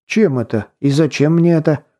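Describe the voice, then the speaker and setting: A man's voice: a little high, moderate pace, mellow, voice pushed up, close to an everyday voice. A man reading an audiobook, voicing a wary, prickly young rich man who answers curtly. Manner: defensive, curt. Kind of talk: audiobook dialogue.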